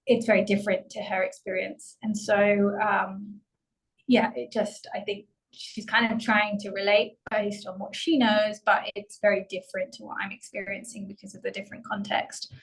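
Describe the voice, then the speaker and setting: Pregnant woman, flat voice. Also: medium pitch, moderate pace, vocal fry, poor audio. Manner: hesitant, explaining with fillers. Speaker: workshop participant.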